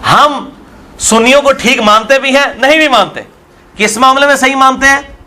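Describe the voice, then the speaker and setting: A man's voice: extremely high pitch, normal speed, sharp tone. A man, a religious scholar arguing his view in an interview and asking rhetorical questions. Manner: argumentative, full of rhetorical questions.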